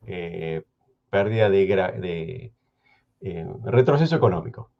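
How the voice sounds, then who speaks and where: A man with an Argentine Spanish accent, speaking as a guest historian in a thoughtful radio conversation, measured and hesitant, with many restarts. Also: low-pitched, creaky, dull audio.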